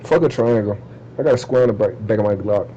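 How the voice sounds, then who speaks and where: A man's voice: lowish voice, fast, dark tone, muffled recording, a little hiss or hum. A man in casual, profane trash talk with friends, boasting and breaking into laughter often.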